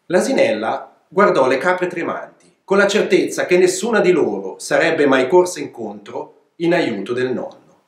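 A man reading his own children's book aloud as an expressive, playful storyteller. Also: a little high, normal speed. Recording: echoey room.

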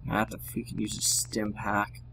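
A man's voice: lowish voice, monotone, normal speed, sharp tone, slight background noise, poor audio. A man giving casual video game commentary, muttering to himself in a mildly exasperated way. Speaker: gamer narrating own playthrough.

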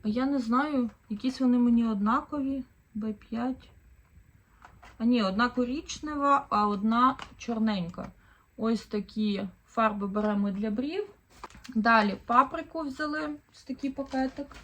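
Talking through her shopping haul in a relaxed vlog, this thirty-something Ukrainian mother of four thinks out loud and leans on fillers. She has a slightly high, fairly bright voice and keeps a measured pace.

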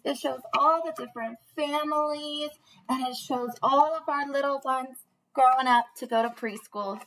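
A young adult woman who teaches preschool reads to small children, bubbly and sing-song, in a high, slightly bright voice. The webcam audio from her small panelled room is poor.

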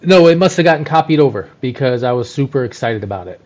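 A man's voice: mid-range voice, expressive, fast, a little mellow. A man co-hosting a podcast, rambling enthusiastically with plenty of fillers in casual chat. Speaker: podcast co-host, journalist.

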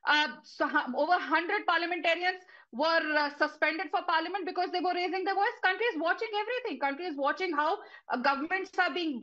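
A woman's voice: very high voice, pushed and bright. A woman speaking as an opposition spokesperson in a political debate, combative and insistent, over a dull feed.

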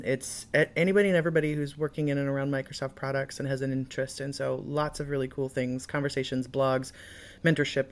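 A woman from the Midwest hosting a podcast interview, chatty and enthusiastic, with lots of fillers. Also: very deep voice. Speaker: podcast host. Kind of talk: casual interview chat.

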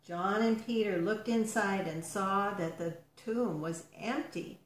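A woman reading a storybook aloud to children, gentle and expressive, with soft drops in volume. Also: mid-range voice, takes it slowly, roomy sound, a little hiss or hum, low-quality recording.

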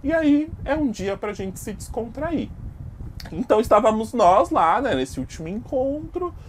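A Brazilian woman hosting a YouTube channel, telling an exaggerated comic story with lots of sound effects in an animated way. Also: on the high side, a little slow, slight background noise. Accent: Brazilian Portuguese. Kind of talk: comic tall-tale storytelling.

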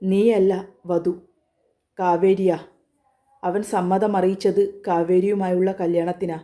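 A woman storyteller voicing a grieving middle-aged father who speaks in a slow, broken, consoling way. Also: lowish voice, little pitch movement, dark tone. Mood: heavy.

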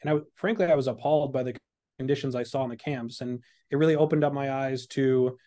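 Man, 30s, law professor on webcam; frank, conversational, warm dark tone. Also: medium pitch, steady tone, fast talker. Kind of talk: webinar panel answer. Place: indoor room on a video call. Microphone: video call webcam.

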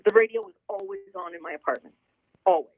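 A middle-aged woman from the San Diego area, calling in to a radio show and telling a story in a lively, chatty way. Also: quick pace. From San Diego area, California. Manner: lively, chatty, quotes people with big pitch jumps. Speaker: guest caller. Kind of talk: casual storytelling on a radio call-in. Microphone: telephone. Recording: tinny phone line, dry.

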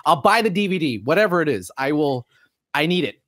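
A man co-hosting a podcast, talking through a film review in a casual, excitable way and swearing freely. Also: fairly high pitch, a little fast, dry recording, studio quality. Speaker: podcast co-host.

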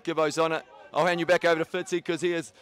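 A man giving steady play-by-play rugby commentary. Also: on the high side, fast. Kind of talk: live sports commentary.

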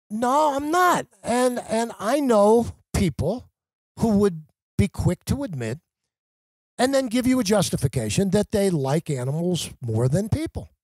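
A man's voice: high-pitched, expressive, measured pace, a little mellow, no room sound. A man who works as a journalist and talk radio host, a guest on a podcast, arguing his points with emphatic, impassioned conviction. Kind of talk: podcast conversation.

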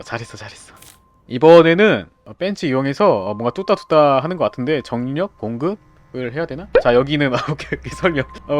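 A young man commentating a horror game as he plays, chatting with teammates and yelping when startled. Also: mid-range voice. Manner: excitable, yelps and shouts when startled. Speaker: game streamer. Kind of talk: live gameplay commentary.

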